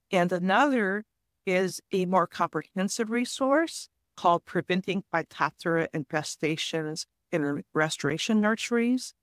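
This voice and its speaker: A woman guest on a podcast interview, calmly explaining forest disease prevention in a measured, advice-giving way. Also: fairly low pitch, no room sound, clean studio sound. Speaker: forest health guest expert.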